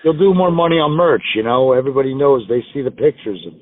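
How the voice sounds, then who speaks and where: A fast-talking American wrestler guest, expressive with a medium pitch, rambles through self-deprecating stories in a casual interview and laughs a lot. The audio comes over a tinny, dry phone line.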